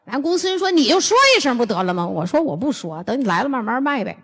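Older female lecturer, fairly high and very animated voice, blunt storyteller. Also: fast talker, breathy edge, in a large hall. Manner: blunt, forceful storytelling with rhetorical questions. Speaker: lecturer on health and nutrition. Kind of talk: lively anecdotal lecture.

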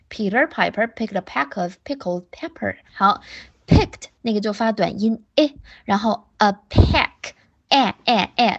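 A woman teaching pronunciation in an online class. She switches between explanations and English examples, drilling words slowly syllable by syllable. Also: medium pitch. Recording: dull lo-fi online audio.

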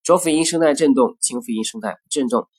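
A man's voice: medium pitch, fast talker, a little mellow, husky, no echo. A man teaching English pronunciation, speaking carefully and saying each word twice as a model. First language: Chinese. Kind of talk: recorded phonetics lesson.

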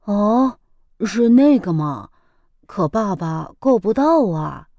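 A woman voicing a gentle, doting chicken father in a children's storybook reading, talking softly and patiently. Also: mid-range voice, sing-song, slow pace, no echo, dull audio, heavily acted. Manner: soft, patient, indulgent. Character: gentle, doting, good-natured chicken dad.

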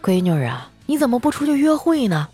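A woman voicing a sly father who gently coaxes his daughter. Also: on the high side, very animated, a little fast, husky, faint music behind, pitched above the performer's own voice. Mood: coaxing.

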